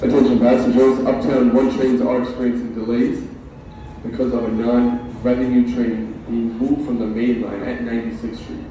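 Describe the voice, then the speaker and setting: A man's voice: mid-range voice, little pitch movement, normal speed, mellow, recorded from a distance. A man making a formal, scripted public-address transit announcement, in the manner of an airport announcement. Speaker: subway service announcer. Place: subway station, heard over loudspeakers with ambient noise. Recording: echoey, muffled, noisy station PA from afar.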